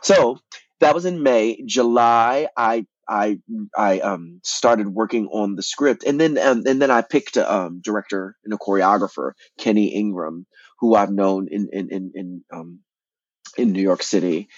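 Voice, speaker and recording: A man, an actor and playwright, telling his story as an interview guest in an animated way, often repeating words and restarting. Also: lowish voice, a little slow, no echo, muffled recording.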